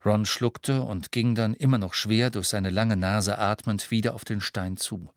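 A man narrating an audiobook in a measured, even reading style. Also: on the low side, no room sound, clean studio sound. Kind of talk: scripted storybook narration.

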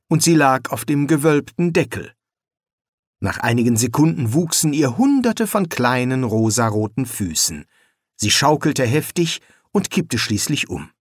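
A man narrating a fantasy audiobook in an expressive reading. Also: mid-range voice, breathy edge, no room sound, clean studio sound. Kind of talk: scripted narration.

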